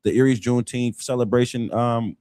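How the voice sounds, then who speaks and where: Male co-host, mid-pitched, talks fast and earnest, repeats lines for emphasis; dry close mic. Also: steady tone, darkish tone, dry recording. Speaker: co-host of a live community talk show. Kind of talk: casual commentary on local politics.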